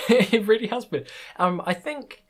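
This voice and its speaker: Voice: mid-range voice, lively intonation, unhurried. A podcast host in casual conversation, talking hesitantly with many fillers and restarts and laughing often.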